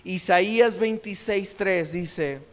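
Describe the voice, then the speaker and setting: Man, pastor, Mexican accent, sermon, high voice, slow pace, chatty storytelling. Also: a bit bright. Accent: Mexican Spanish. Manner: conversational storytelling preacher, asks the congregation to respond.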